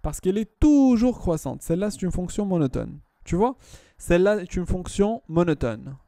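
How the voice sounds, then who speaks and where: A man's voice: high voice, sing-song, normal speed, mellow, dry recording, studio quality. A man tutoring a student one-on-one in math, patient, often repeating himself and checking that she follows.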